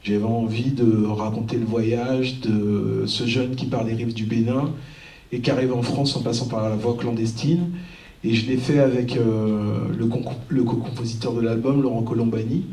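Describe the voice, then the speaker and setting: A man on a live discussion panel talks haltingly, groping for words between fillers. His tone is dark and mellow, and he sounds far from the mic with the hall echoing around him. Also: medium pitch, fairly even intonation. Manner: hesitant, searching for words. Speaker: panel guest, rap artist. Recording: roomy hall from a distant mic.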